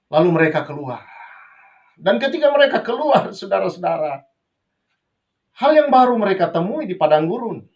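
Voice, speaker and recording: A man who is a pastor preaching a sermon, swinging between raised passages and quiet asides, often addressing the congregation as brothers and sisters. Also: high-pitched, sing-song, moderate pace, long pauses, highs cut off. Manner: preaches with sudden rises and drops, addresses listeners as brothers and sisters.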